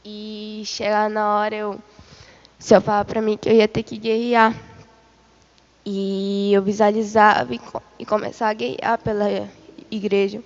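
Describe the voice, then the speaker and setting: A woman's voice: medium pitch, flat delivery, moderate pace, in a large hall, dull audio. A woman giving a religious testimony of a vision, retelling it in a repetitive way and calling her listeners beloved. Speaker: church member giving testimony.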